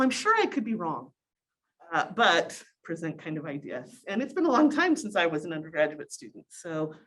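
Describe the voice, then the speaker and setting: A middle-aged woman giving an informal academic presentation through a cloth face mask, conversational with wry asides, in a small conference room. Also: mid-range voice. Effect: speaking through a cloth face mask. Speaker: presenter, sociology professor.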